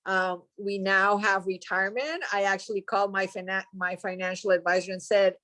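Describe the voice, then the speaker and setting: A woman's voice: medium pitch, fairly even intonation, a little fast, pushed and bright. A woman who works as a dog trainer giving an earnest testimonial on a video call, with some fillers.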